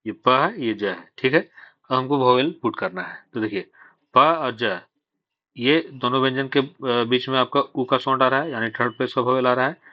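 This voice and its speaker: A man's voice: medium pitch, moderate pace, dry recording, lo-fi sound. A man teaching a shorthand lesson, patiently explaining step by step and asking himself questions before answering them. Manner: mixes English terms into Hindi. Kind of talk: classroom-style lesson.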